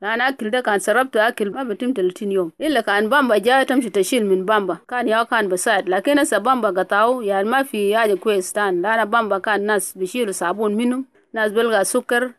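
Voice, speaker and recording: A woman's voice: mid-range voice, racing, hardly any pauses, no echo. A middle-aged woman from South Sudan with a South Sudanese Arabic accent, a mother telling an interviewer about her family's life, with plain storytelling and frequent fillers. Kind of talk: casual conversational testimony.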